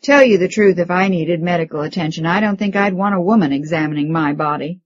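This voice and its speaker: A gruff male janitor, played by a woman, scoffs at everything he hears. The voice is husky and lower than usual. It is heard through slightly dull, lo-fi audio. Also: fast talker, no room sound, lightly acted. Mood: skeptical. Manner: gruff, doubting, mocking. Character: the janitor, a skeptical, chauvinist older man.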